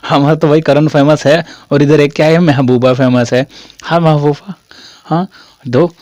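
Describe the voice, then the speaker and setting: A man's voice: a little high, steady tone, a little slow, darkish tone, no room sound. A young man from Haryana teaching a classroom-style lesson in a chatty way, repeating his phrases and calling listeners "brother". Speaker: English teacher.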